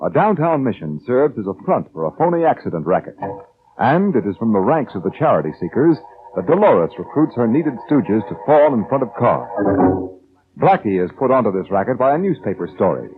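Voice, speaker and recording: A man working as announcer on an old radio show, reading scripted commercials and story recaps in a smooth, persuasive pitchman manner. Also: very animated, a little fast, soft background music. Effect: old radio broadcast sound. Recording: tinny lo-fi vintage radio broadcast.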